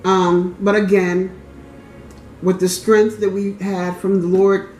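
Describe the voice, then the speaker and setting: A woman's voice: mid-range voice, little pitch movement, takes it slowly, a little mellow. A middle-aged woman from New York and New Jersey, telling family memories in a conversational, meandering way. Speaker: interviewee. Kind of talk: personal recollection. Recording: echoey room with guitar underneath. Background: guitar music.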